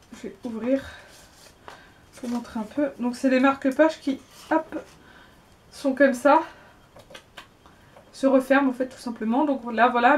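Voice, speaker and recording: A woman in her twenties with a high voice talks casually through a haul video. She is chatty and hesitant, often restarting and repeating words as she goes. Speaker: book vlogger.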